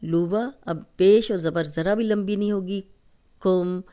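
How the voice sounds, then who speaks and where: A woman teaching Quran recitation rules, explaining patiently step by step and drawing each recited word out slowly, with a Pakistani Urdu accent. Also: mid-range voice, mellow, clean tone. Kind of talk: Tajweed lesson.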